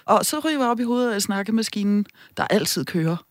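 Woman, radio guest, animated, laughs a lot, dry close sound. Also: medium pitch, no room sound. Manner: animated, laughs often, lists ideas quickly. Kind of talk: lively radio talk.

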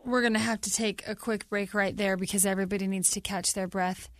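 A woman hosting a talk show, asking gentle clarifying questions and leading into breaks. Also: mid-range voice, steady tone, brisk, no room sound. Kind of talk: interview hosting.

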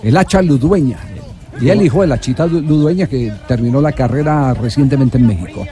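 A man's voice: medium pitch, expressive, brisk, mellow. A Colombian man hosting a live sports radio show in a conversational style, restating his phrases as he goes.

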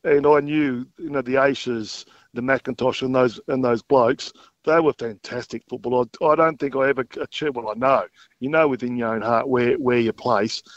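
A middle-aged or older retired footballer from South Australia phones into a radio show and reminisces casually as a guest. His mid-range voice is steady and moderately paced, a laconic, unassuming drawl that stays matter-of-fact. The phone-in audio is dry, with no echo, and slightly dull.

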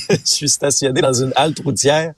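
A man's voice: medium pitch, fairly even intonation, slow, husky, dry recording. A man from Abitibi with a Quebec French accent, chatting as a radio columnist from his parked car, telling stories and laughing often. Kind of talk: casual radio chat. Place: parked car at a rest stop.

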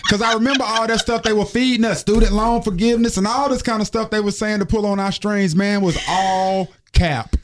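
A man hosting a morning radio show, joking in slangy, animated banter. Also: high-pitched, a little fast, hardly any pauses.

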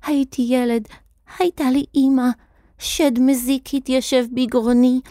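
A woman voicing a distraught, half-mad male wizard with a strange, choked voice, shouting in a storybook reading. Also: a little high, no echo, clean studio sound, close to an everyday voice. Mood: choked remembering.

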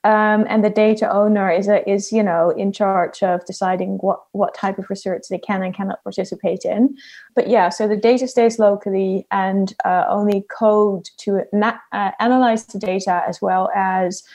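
A woman with a Dutch accent gives explanatory interview answers in measured, somewhat hesitant phrasing. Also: mid-range voice, little pitch movement, a little mellow. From Netherlands. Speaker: interview guest, health research scientific advisor. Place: at home in a kitchen.

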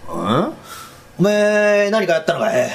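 A man doing a gruff Edo neighbor. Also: high-pitched, lively intonation, unhurried, slight background noise. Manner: blunt, rough Edo slang, scolding. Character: gruff older Edo neighbor, scolding and teasing. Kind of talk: rakugo storytelling.

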